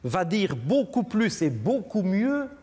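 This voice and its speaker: A man preaching a measured, reflective sermon in a church. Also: high-pitched, very animated, a little mellow, breathy edge. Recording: long church reverb.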